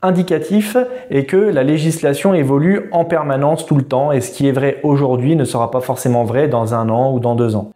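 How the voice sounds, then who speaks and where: A man tutoring for a driving exam, talking informally straight to the viewer and reading out quiz answers slowly and distinctly. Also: on the high side, dark tone. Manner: informal, addresses the viewer directly. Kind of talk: quiz lesson video.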